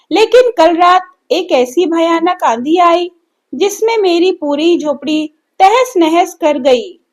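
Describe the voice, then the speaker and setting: A woman voicing a lonely, grieving old woman from the forest who speaks in a plaintive, self-pitying way. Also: very high voice.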